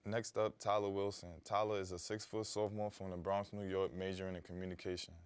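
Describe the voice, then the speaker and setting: A man's voice: sits low, flat delivery, brisk, smooth, dry recording. A man presenting a student feature in scripted narration. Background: faint music.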